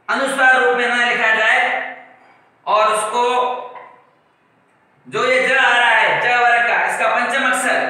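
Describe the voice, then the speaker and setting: A male teacher giving a grammar lesson, deliberately repeating each rule and working through examples one by one. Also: high voice, bright, forceful tone. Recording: echoey room, mic far off.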